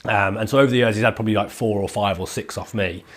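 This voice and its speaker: A leather maker from England in his thirties, appearing on a podcast, tells his story in casual, rambling chat packed with "like". He has a head cold that makes him sound nasal. He talks fast in a fairly low voice with fairly even intonation.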